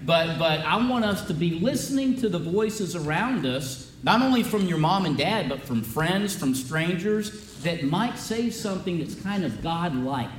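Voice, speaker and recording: A man with a somewhat high voice leads a children's sermon as pastor, chatty and full of questions for the kids. He is picked up from a distance in a roomy church, with a faint murmur behind him. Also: animated, unhurried, few pauses, slight background noise. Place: church sanctuary.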